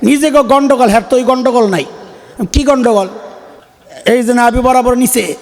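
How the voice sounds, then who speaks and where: A man from Bangladesh delivers a fiery sermon in a strikingly high voice. He jokes, shouts and fires questions at the crowd. His words come through a PA system with a long, trailing echo. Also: moderate pace. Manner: shouting, joking, rhetorical calls to the crowd. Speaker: Islamic preacher. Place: religious gathering at a school ground. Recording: reverberant PA sound with long echo.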